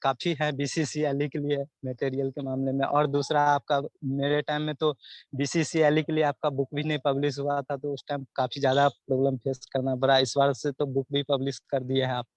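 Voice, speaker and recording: A man's voice: mid-range voice, monotone, fairly quick, dry recording. A young man, giving earnest advice as a student guest in an interview, often repeating himself as he lists topics. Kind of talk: casual interview answers.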